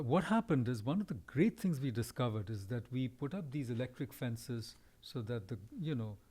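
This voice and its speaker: Male podcast host, mellow timbre, reflective and discursive, gently challenging. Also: medium pitch. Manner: discursive, thoughtful, pushes back gently. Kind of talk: reflective conversation.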